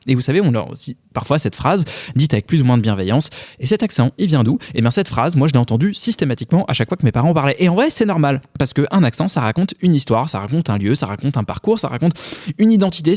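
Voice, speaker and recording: A man's voice: on the high side, a little mellow, dry recording, clean studio sound. A man delivering a scripted film critique segment in an impassioned manner, swearing now and then for emphasis.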